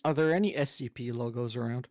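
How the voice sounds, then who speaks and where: A man's voice: medium pitch, fast, darkish tone, no echo, studio quality. A man playing a tabletop game, speaking bluntly and dryly. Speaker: player. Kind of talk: tabletop game role-play.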